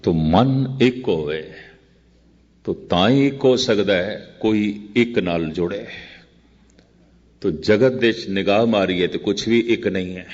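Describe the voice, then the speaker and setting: An older man delivers a scripture sermon in slow, measured phrases, often repeating and contrasting his lines. His voice is low-pitched. The recording is dull and muffled, with a long echo hanging in the hall. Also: a little mellow. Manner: chants quoted verse very slowly. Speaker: Sikh preacher giving katha.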